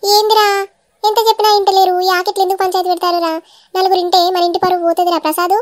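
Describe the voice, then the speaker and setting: A woman's voice: extremely high pitch, level tone, very fast. A woman voicing a fretful cartoon mother. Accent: Telangana Telugu. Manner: nagging, fretful. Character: worried mother, fussing over family honor.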